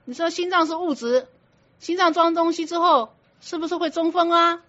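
Captured on a muffled lo-fi recording, a woman with a very high-pitched, sharp voice speaks at normal speed with fairly even intonation. As a Buddhist teacher giving a dharma talk, she instructs her students firmly and conversationally, checking in through rhetorical questions.

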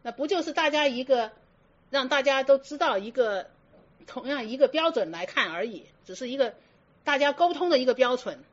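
Woman giving a Buddhist sermon, higher voice. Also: expressive, normal speed. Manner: asks many rhetorical questions. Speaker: Buddhist dharma teacher. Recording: dull lo-fi recording.

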